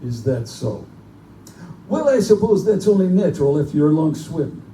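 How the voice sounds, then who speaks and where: In a live theatrical horror drama staged in a bookstore, a man plays a genteel, pompous general who hunts men for sport, sounding urbane, bored, and condescending. His voice is a little high and sing-song, with a dark tone and normal pace. The recording is distant, echoey, and noisy, captured in the live room.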